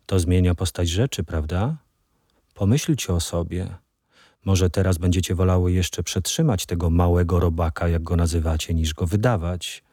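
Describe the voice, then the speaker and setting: A steely older grandmother, read by a man in his own low voice, calm and patient with quiet menace. The tone is deep and mellow, and the recording is dry and close. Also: dry recording.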